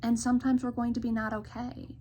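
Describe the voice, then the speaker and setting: Earnest woman counselor, gentle and reassuring. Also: fairly high pitch, level tone, brisk, dull audio. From Michigan. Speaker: licensed counselor. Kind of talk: reflective talk to camera.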